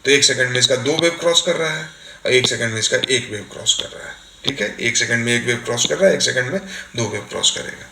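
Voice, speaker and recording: A man's voice: mid-range voice, fast talker, creaky, sharp tone. A man teaching a recorded exam-coaching lecture, explaining with everyday examples and often checking that students follow. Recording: echoey room, faint hiss.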